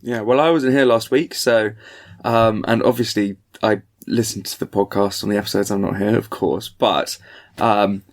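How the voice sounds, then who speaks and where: A man's voice: lowish voice, fairly even intonation, moderate pace. A man co-hosting a podcast in casual, rambling, dryly joking chat, recorded in the attic of a house. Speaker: podcast co-host. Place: attic room of a family house.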